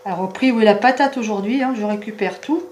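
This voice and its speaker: A woman hosting a home cooking show, chatting warmly and explaining each step of a recipe. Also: medium pitch, quick pace, slight background noise. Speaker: cooking channel host. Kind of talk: cooking demonstration. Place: home kitchen.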